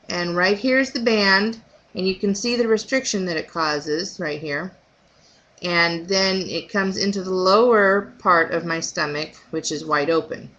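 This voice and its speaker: A woman talking casually in a personal vlog, haltingly rephrasing herself as she goes. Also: medium pitch, sharp tone, rough recording. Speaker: vlogger recounting her recovery from surgery.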